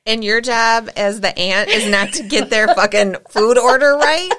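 A woman's voice: on the high side, normal speed, bright, forceful tone. A woman co-hosting a podcast, teasing and blunt in casual chat.

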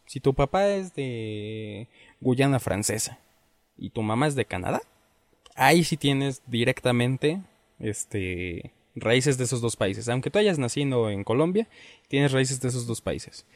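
A man's voice: mid-range voice, animated, a little slow, no room sound. A man in casual chat, arguing his points emphatically and repeating them. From Mexico.

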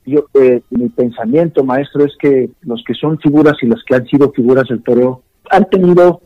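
A man asking a long, reflective question in a deliberate, musing way. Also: medium pitch, no room sound. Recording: dull, dry broadcast audio.

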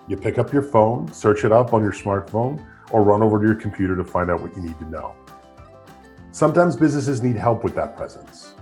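The host here is a man with a fairly low pitch and a warm tone. His podcast begins with a scripted introduction before he slides into casual interviewing, asking lively questions dotted with fillers.

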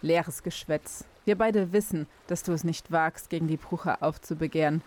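A woman's voice: low voice, lively intonation, moderate pace, darkish tone. Brief: a woman doing an earnest young hero in a storybook reading, stammering and pleading, close to her own voice. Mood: angry.

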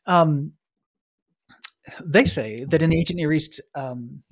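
A man's voice: a little high, slow pace, gravelly. A man co-hosting a casual podcast, chatting and reading scripture aloud with emphasis. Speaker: podcast co-host. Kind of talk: casual lectionary podcast chat.

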